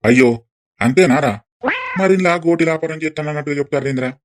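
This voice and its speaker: A man's voice: fairly high pitch, fast talker, natural voice. A man voicing a carefree teenage son who teases his father, with a Telangana accent. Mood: teasing.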